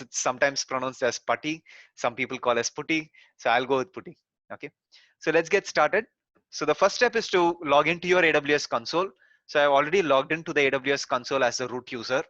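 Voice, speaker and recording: A man gives a screen-recorded technical lesson, explaining each step with frequent "so" and "uh" fillers. His voice is bright and forceful, recorded dry and close with a slightly dull, muffled tone. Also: mid-range voice, no room sound. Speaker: course instructor.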